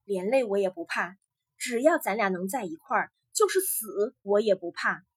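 A woman's voice: a little high, big pitch swings, normal speed, breathy edge. A woman voicing an earnest young fisherman in a told folktale, speaking firmly and with determination. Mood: determined. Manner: firm, determined.

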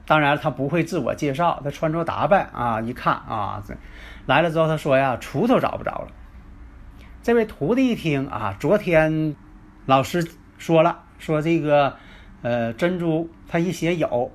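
A man hosts a lesson on Chinese metaphysics with a fairly high-pitched voice. He tells teaching stories slowly, stretching his filler particles as he goes. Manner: unhurried, full of drawn-out filler particles. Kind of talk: storytelling lecture.

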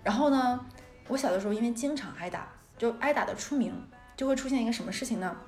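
Lively, fast-talking woman storyteller in a roomy space. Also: fairly high pitch, faint music behind. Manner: animated, laughs often while telling stories. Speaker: podcast host. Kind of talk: casual storytelling chat. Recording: roomy echo.

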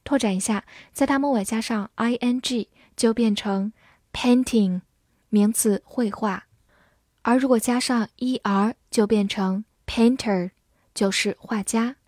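A woman teaching English vocabulary, spelling words out letter by letter and reading example sentences slowly. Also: on the high side, darkish tone, dry recording, studio quality. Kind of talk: slow, clear vocabulary lesson.

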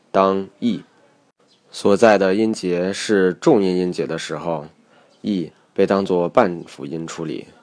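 Deep-voiced male teacher, measured explanatory narration for a recorded lesson. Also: a little mellow. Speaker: English pronunciation teacher.

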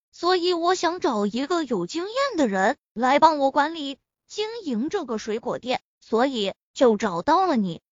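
A woman voicing a confident young male shop owner in an audiobook, speaking in a calm, assured way. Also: sits high, dry recording. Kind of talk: audiobook reading. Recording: dull lo-fi recording.

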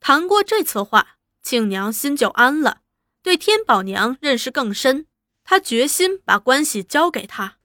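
A woman reading a serialized novel aloud with a steady, clear narrative delivery. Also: high voice, measured pace, no room sound, studio quality. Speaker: storyteller.

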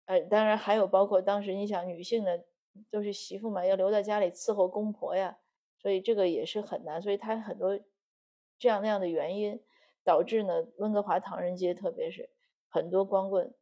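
A middle-aged woman from China talks through her commentary in a mellow, slightly husky voice. She builds her argument step by step and keeps asking rhetorical questions to press her point. Her pitch sits in an ordinary middle range. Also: fairly even intonation, fairly quick. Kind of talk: spoken commentary monologue.

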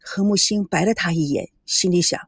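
A woman narrating a romance novel aloud, expressive and voicing every character. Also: lowish voice, a little fast, breathy edge, no room sound, studio quality. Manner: expressive, voices all characters. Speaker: audiobook reader.

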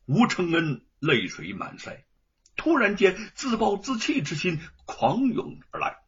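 A man telling a dramatic story in an expressive narrating voice, on a dull lo-fi recording. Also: sits high, unhurried, husky.

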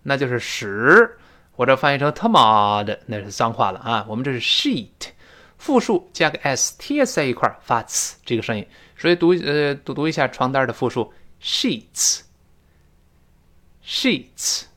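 Man teaching English with lively pitch. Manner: animated, drawn-out demonstrations of pronunciation; chatty, classroom storytelling tone. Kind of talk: spoken-English lesson lecture.

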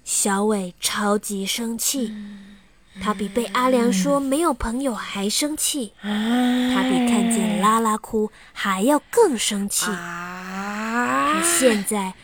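A woman narrating a children's bedtime story slowly and softly. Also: fairly high pitch, crowd noise. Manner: slow and soft.

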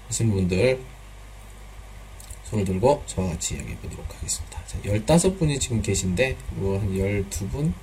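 A man's voice: mid-range voice, a little hiss or hum. A man teaching pronunciation in a live online class, patiently repeating drill sounds and mixing in some Chinese words.

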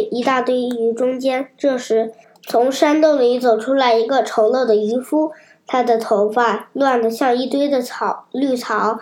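Woman reading a kids story out loud, expressive, voice a bit high.

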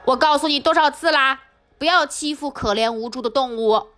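A woman reading a storybook aloud, voicing a tiny, easily startled old woman with high squeaky cries. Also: normal speed, a bit bright, soft background music. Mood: scolding gentle.

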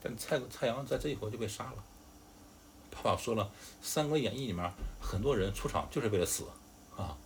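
Low-voiced father telling a story. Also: animated, brisk, a little hiss or hum. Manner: chatty, explaining, with fillers and asides. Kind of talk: casual storytelling.

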